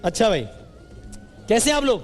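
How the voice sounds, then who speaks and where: Teasing high-voiced male quiz host. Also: big pitch swings. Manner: teasing, quick banter with audience. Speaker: game show host. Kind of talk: live studio quiz hosting. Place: studio with live audience. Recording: roomy hall with music and crowd.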